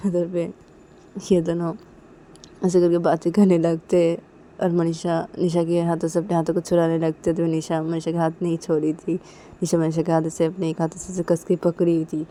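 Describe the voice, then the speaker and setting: A woman's voice: fairly low pitch, completely flat delivery, normal speed, warm tone, a little hiss or hum. A woman narrating a romantic story casually, retelling each action plainly and repeating names often.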